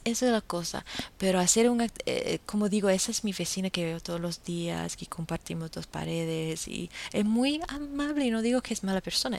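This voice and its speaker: A woman talking earnestly and firmly to her listeners in a casual monologue, often restarting her sentences and dropping into soft murmured asides. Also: on the low side, creaky. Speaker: vegan vlogger.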